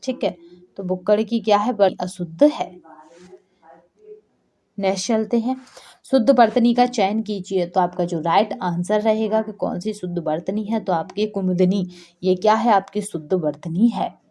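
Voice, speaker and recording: Female teacher, warm mellow tone, walks through answers by asking and answering her own questions. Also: mid-range voice, moderate pace. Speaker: Hindi teacher. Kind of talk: exam-prep lesson.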